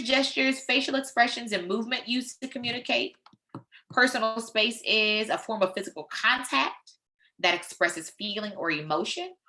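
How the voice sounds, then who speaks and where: A woman leading a training session, lecturing in a lively, conversational way with frank personal asides. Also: mid-range voice.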